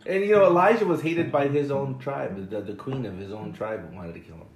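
A woman's voice: extremely low pitch, brisk, a little mellow, slight background noise. A sick, coughing middle-aged mother chatting casually with her family at home and reading the daily scripture aloud with jokes and explanations. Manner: chatty, jokey, explains as she reads. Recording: roomy home recording with music behind.

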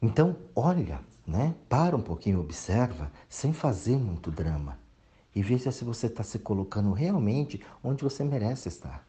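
Deep, animated man lecturing. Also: moderate pace. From Brazil. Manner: preachy, emphatic, mocking whiny voices. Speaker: motivational speaker. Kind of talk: reflective monologue.

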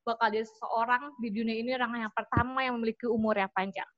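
A woman's voice: on the high side, fairly even intonation, quick pace, no echo, lo-fi sound, natural voice. A woman voicing a poor male farmer from a myth, humbly asking a god for a long life. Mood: pleading.

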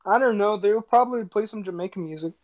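A man's voice: high-pitched, quick pace, darkish tone, muffled recording. A young man in casual chat with a friend, laid-back and joking, sometimes searching for the right word.

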